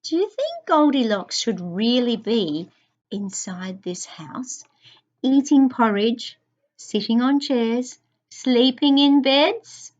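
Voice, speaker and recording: A woman reading a children's story aloud, sing-song, pausing to ask young listeners questions. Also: a little high, expressive, dull audio.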